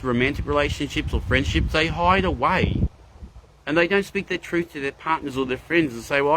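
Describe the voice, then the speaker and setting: On his spiritual livestream, a man talks earnestly and emphatically, repeating phrases and welcoming people in the chat. His voice sits on the high side with a fairly bright tone, and there is a little hiss or hum.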